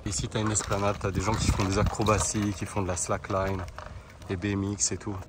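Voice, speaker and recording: Low-pitched and flat in delivery, a young male vlogger, also a coach and nutritionist, talks briskly to his viewers while riding a kick scooter in the city's parks and streets. He's chatty, full of fillers and asides, and audibly strained from the exertion, with street noise clearly present.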